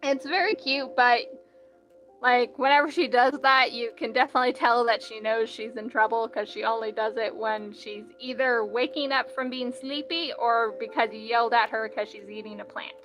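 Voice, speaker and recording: A woman's voice: fairly high pitch, steady tone, normal speed, a bit bright, faint music behind, low-quality recording. A young woman streaming and reading out live chat in a casual, rambling way, full of "like" fillers.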